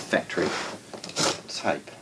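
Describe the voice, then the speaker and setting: A man in his forties with a New Zealand accent presents product unboxings for a shop, giving an unscripted demonstration in a measured, matter-of-fact way with short, broken phrases. He's in a carpeted indoor showroom with shelves. The microphone is distant, with clear background noise and handling clicks.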